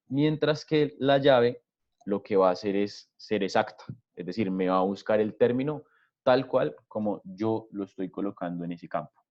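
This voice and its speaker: A man leading an online training session, explaining step by step and often checking in with a quick question to the listeners. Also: lowish voice. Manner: explanatory, repeats "¿listo?" and "entonces" often. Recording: dull lo-fi webinar audio.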